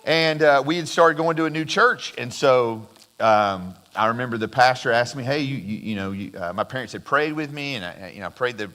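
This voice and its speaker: Bright-voiced pastor in a reverberant church. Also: male voice, mid-range voice, a little fast. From South Carolina. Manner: folksy storytelling, acts out quoted voices. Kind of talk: conversational sermon with personal stories. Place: church sanctuary. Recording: church live stream with long hall reverb.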